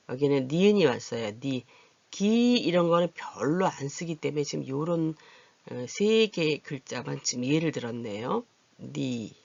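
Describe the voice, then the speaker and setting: A patient adult literacy teacher who slowly drills vowel pronunciation and repeats each word for learners to follow. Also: medium pitch, gravelly, a little mellow, no room sound, muffled recording. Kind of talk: Korean vowel lesson.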